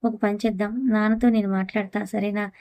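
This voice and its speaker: A woman narrating a family audio story, reading every character's lines and the narration in one even voice. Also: medium pitch, fairly quick, no echo.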